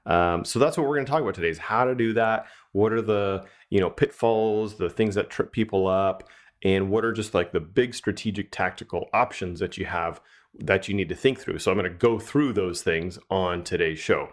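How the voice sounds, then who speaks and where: Chatty low-voiced radio host. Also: male voice, moderate pace. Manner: chatty storyteller, acts out quotes. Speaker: radio show host, estate planning lawyer. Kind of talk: casual radio talk.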